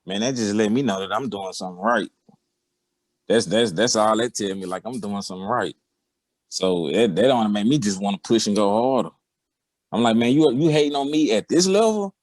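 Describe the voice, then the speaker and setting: A man's voice: lowish voice, normal speed, darkish tone, no room sound. A man, a musician guest talking in a laid-back way who repeats phrases for emphasis. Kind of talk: casual interview chat.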